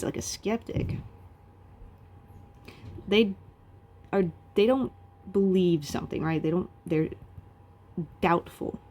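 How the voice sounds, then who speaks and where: A woman's voice: fairly low pitch, dark tone. A woman teaching a recorded philosophy lecture in a casual, chatty way, with many fillers and restarts.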